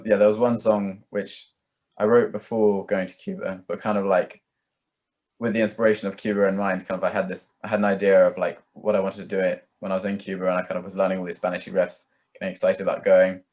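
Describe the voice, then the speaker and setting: This deep, slightly mellow male voice belongs to a young musician guesting on an interview, talking fast with little pitch movement. His casual chat wanders and hedges, heavy on fillers like "kind of" and "like."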